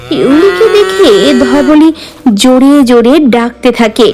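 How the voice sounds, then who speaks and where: A woman narrating a cartoon story in a measured storytelling manner. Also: high voice, animated, music in the background, poor audio.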